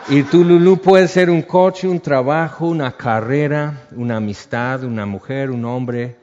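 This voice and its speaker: A man with a Mexican accent preaching a sermon, reading scripture aloud and telling stories in an animated way. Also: mid-range voice, a little slow, long reverb tail, lo-fi sound.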